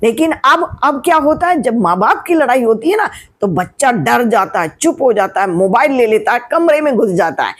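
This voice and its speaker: A retired teacher in her sixties talks patiently and like a teacher, putting questions and answering them herself. Her voice is high and slightly husky. Her pitch rises and falls a great deal as she explains. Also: very animated, normal speed. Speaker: retired teacher giving advice. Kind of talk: explanatory family advice talk.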